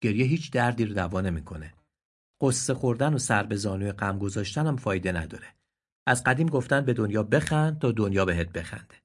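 A man voicing a kind, gentle old donkey in a read-aloud story, speaking in a soothing, coaxing way with a husky tone. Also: mid-range voice, big pitch swings.

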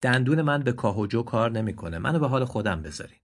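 A man voicing a proud, grieving adult male gazelle in a read-aloud story, in a raised, pleading, indignant voice with a husky tone. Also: mid-range voice, animated. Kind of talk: storybook voice acting.

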